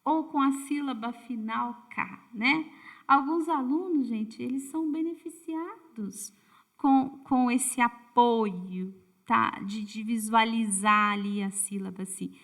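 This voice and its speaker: Higher-voiced woman teaching casually. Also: takes it slowly, a bit bright. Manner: chatty, tag questions to viewers, frequent self-corrections. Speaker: teacher explaining literacy methods. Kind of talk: casual online lesson.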